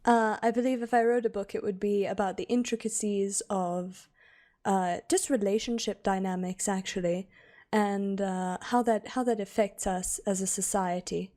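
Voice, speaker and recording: A woman answers as an improv contestant with a mid-pitched voice. She hesitates and stumbles through ums and uhs. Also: fairly even intonation, moderate pace, dark tone.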